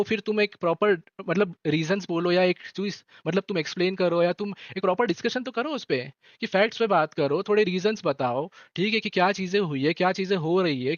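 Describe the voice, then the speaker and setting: High voiced guy w ranting on stream, dry muffled mic, keeps saying bhai. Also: no echo. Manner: heated, repeats himself, addresses viewers as bhai. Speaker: esports team in-game leader. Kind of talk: casual livestream explanation to viewers.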